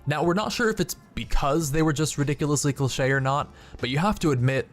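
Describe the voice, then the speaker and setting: Over background music, a video game channel host narrates from a script in a slightly high voice, speaking fairly quickly.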